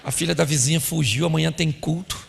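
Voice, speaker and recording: A man voicing a wife who runs through a flat, rapid list of household worries for her husband. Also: fairly high pitch, vocal fry, in a large hall, background noise, pitched below the performer's own voice. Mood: droning.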